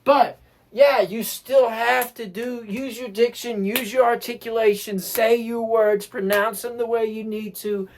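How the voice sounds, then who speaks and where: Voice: medium pitch, unhurried. A music teacher giving a casual lesson, explaining at an easy pace and often checking in with "right?" while restarting phrases. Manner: relaxed, keeps checking with "right?".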